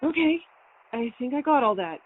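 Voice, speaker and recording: A woman's voice: high-pitched, very animated, normal speed, husky, soft background music, heavily acted. A woman playing a curt, impatient burglar reporting over a muffled phone line in an audio drama.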